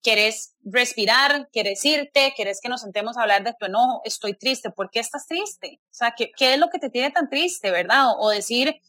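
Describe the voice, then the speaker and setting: A woman's voice: fairly high pitch, expressive, normal speed, hardly any pauses, pushed and bright, no room sound. A woman hosting a casual conversation, talking earnestly and often tagging her sentences with "¿verdad?" and "o sea".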